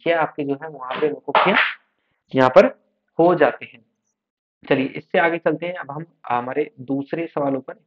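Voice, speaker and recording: Man drilling exam words over a tinny line. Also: a little high. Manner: drills each word by repeating it. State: slightly unwell, coughing. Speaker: exam coaching teacher. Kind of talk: online exam-prep lesson. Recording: tinny phone-like sound.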